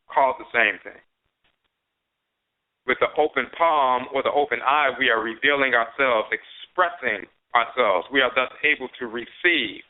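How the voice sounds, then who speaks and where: A man hosting an internet radio show, giving a slow, deliberate spiritual lecture and repeating key terms to drive them home. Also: medium pitch. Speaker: radio show host and teacher. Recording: phone-line audio on internet radio.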